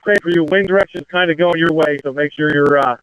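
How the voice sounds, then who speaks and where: A man's voice: fairly high pitch, fast talker, a bit bright, clear, resonant tone, dry recording, poor audio. A man speaking urgent firefighter radio traffic as incident commander, terse and directive, over a two-way radio. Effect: two-way radio transmission.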